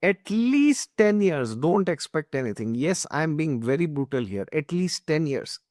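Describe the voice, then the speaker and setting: Brief: male astrology teacher, emphatic and repetitive, slightly raised pitch. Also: very animated, a little slow, a little mellow, no room sound, studio quality. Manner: emphatic, repeats points, often asks "okay?". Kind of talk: explanatory talk.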